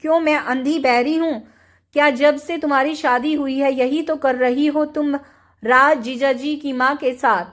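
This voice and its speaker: A woman reading a story puts on a resentful young sister-in-law, taunting and accusing. Her voice sits high and cutting in a storybook reading. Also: fairly even intonation, measured pace, fairly bright tone.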